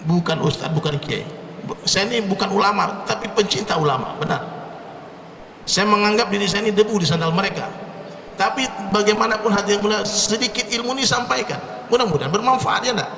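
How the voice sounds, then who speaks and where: A jovial man from Indonesia gives a sermon to a live congregation. His voice sits a little high and rings through a big reverberant hall, heard from some way off the mic. He jokes with the audience and drives points home with rhythmic repetition. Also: gravelly, fairly bright tone, far from the mic, slight background noise. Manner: jokey, addresses the crowd directly, rhythmic repetition. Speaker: preacher. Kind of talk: humorous religious talk to a congregation.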